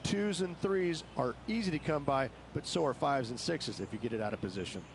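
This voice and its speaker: A man's voice: medium pitch, expressive, brisk, noisy background, lightly acted. A man playing an explanatory golf analyst, narrating scripted previews of each hole for a video game. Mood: explanatory, measured. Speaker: golf course guide and analyst.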